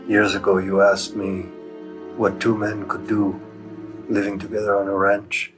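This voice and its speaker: An actor playing a man speaking slowly and frankly to another man about life on a ranch. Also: fairly low pitch, monotone, low-quality recording. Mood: earnest. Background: music.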